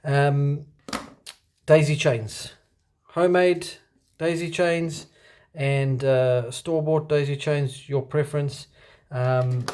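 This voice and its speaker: Speaking haltingly and with hesitation, a broad-accented South African man presents his kayak fishing gear in an unscripted, casual show-and-tell. He has a medium-pitched, darkish voice.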